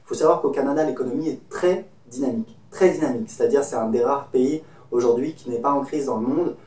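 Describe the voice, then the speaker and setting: A man's voice: medium pitch, fast talker, darkish tone. A man from France in his thirties, hosting a casual advice talk to camera, chatty and friendly, drawing on his own travels. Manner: chatty, friendly, speaks from personal experience. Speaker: host giving travel advice. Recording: echoey room, mic set at a distance.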